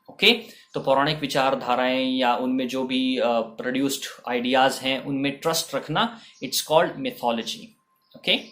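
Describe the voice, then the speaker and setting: A man with an Indian accent teaching vocabulary, slowly drawing out each word and repeating it, with "ok" between points. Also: mid-range voice, fairly bright tone. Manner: slow, drawn-out spelling of each word. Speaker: language teacher. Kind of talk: bilingual vocabulary lesson.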